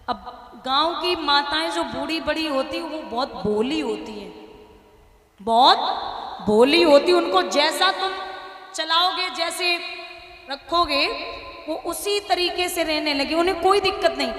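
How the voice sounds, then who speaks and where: A woman storyteller tells a devotional katha in an emotive way. Her voice is high and bright. A hall adds echo and a long reverb tail. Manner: emotive, addresses listeners as maharaj.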